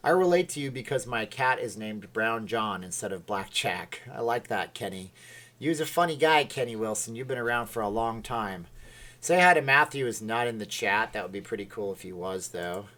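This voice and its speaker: A man's voice: on the low side, expressive, normal speed, sharp tone. A man hosting a casual livestream, rambling and reading viewer comments aloud. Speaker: livestream host. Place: Las Vegas.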